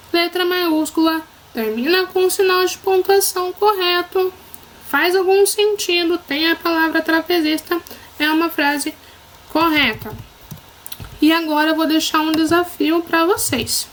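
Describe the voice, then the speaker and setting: A woman's voice: extremely high pitch, measured pace, fairly bright tone, slight background noise, rough recording. A woman teacher with a Brazilian Portuguese accent giving a recorded lesson to children, patient and encouraging, often checking that they follow.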